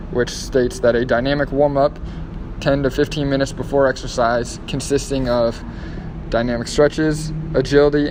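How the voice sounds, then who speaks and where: A young man in casual coaching talk with a bro-like, slangy manner. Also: mid-range voice. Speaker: gym coach in a skit. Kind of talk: casual gym banter and coaching. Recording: echoey, distant mic, noisy room.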